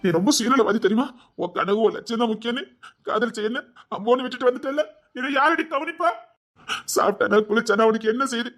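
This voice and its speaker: A man's voice: very high voice, fairly bright tone, soft background music. A man playing an aggrieved husband who scolds and then pleads with his wife in a web drama. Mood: angry scolding. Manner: reproachful, rapid nagging with repeated "di".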